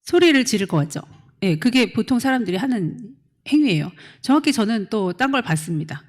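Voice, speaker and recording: A woman's voice: a little high, fairly quick. A middle-aged woman pastor preaching to young adults, acting out quotes and calling on listeners by name. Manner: animated, acts out quotes, questions listeners by name. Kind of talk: lively sermon to a young adult congregation.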